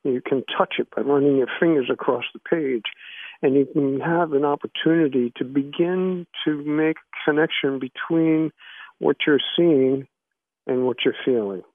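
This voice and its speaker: A man giving reflective interview answers in halting, measured phrases over a narrow phone line. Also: fairly high pitch, dry recording. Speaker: interview guest, author. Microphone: phone call.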